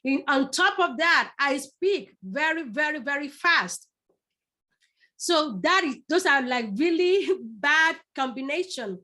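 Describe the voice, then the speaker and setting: A middle-aged woman with a Yoruba Nigerian accent teaches public speaking in a live online masterclass, speaking straight to her listeners and repeating words for emphasis. Her voice sits high and sounds bright, expressive and forceful, and she speaks slowly.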